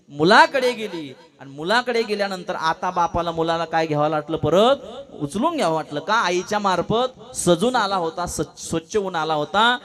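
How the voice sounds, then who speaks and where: High-voiced kirtan preacher. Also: male voice, a bit bright. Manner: questions the audience constantly, acts out voices in the story. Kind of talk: devotional kirtan sermon. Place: kirtan gathering before a live audience.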